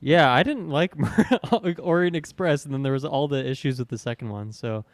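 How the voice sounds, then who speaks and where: A wry, chatty man talks casually at an ordinary middle pitch. He keeps an easy, offhand tone. The recording is dry and close, with no room around it. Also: moderate pace, dry recording. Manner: chatty, wry, laughs easily. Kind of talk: casual group chat.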